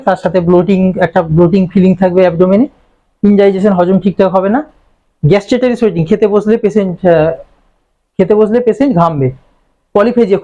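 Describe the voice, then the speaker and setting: A man's voice: high-pitched, dark tone, muffled recording. A man lecturing on medicine in a classroom style, with a Bengali accent, who asks questions and then answers them himself. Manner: explains terms, asks and answers own questions.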